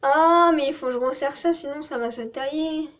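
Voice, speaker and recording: Chatty high-voiced southern French woman. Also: normal speed. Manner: chatty, rambling, self-mocking with frequent laughs. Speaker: vlogger. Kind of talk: casual vlog chat.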